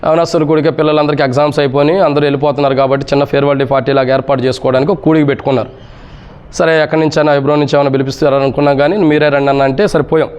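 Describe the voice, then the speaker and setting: A man's voice: a little high, darkish tone, clean tone, dull audio. A man preaching a worship sermon, telling a story that rises to fervent emphasis.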